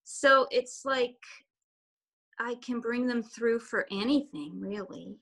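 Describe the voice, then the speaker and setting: A woman's voice: a little high, slow, vocal fry, fairly bright tone. A woman whose first language is German and Swiss German, chatting casually as a guest on a video call, rambling a little with restarts. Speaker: guest artist.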